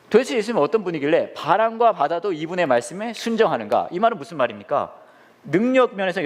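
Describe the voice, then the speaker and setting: A man who is a pastor, teaching a Bible study in an animated way, asking the audience questions and answering them himself. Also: on the high side, in a large hall. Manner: acts out quoted lines in changed voices.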